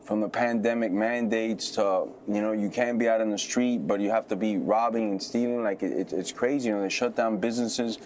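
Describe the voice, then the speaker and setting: Guy in his 30s talking fast and loose, lower voice, keeps restarting, faint hiss behind. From United States. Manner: animated, repeats himself, frequent restarts. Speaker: guest fighter. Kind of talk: casual interview talk.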